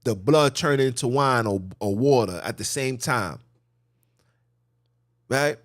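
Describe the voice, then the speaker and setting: A male podcast host preaches a slow monologue with animated, emphatic energy. His pitch often leaps high, and his volume swings between loud and hushed.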